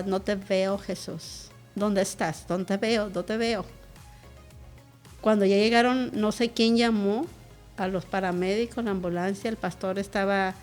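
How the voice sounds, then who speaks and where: Lady pastor telling her story, emotional, vivid, mid pitch, faint music under it. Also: a little mellow. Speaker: pastor, interview guest. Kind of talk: interview, personal testimony.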